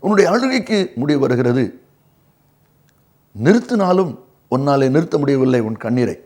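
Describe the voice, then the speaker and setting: A man's voice: mid-range voice, lively intonation, moderate pace, a little mellow. A man with a Tamil accent preaching a televised devotional sermon, stressing his points by saying them twice. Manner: emphatic preaching, repeating lines for emphasis.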